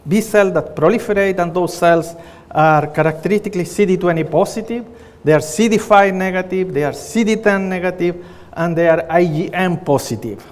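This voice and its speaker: A middle-aged man with a Chilean Spanish accent delivers a conference presentation of his research, earnest but full of fillers and restarts. His voice is slightly high for a man, and the hall adds a long, trailing reverb.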